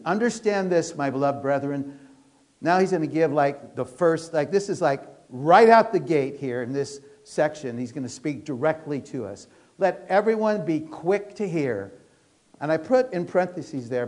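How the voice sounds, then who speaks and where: A fast, earnest male pastor preaches a sermon with a somewhat high voice, stacking restarts as he presses his points. He sounds middle-aged and fully animated in his delivery, and the sound comes from a church.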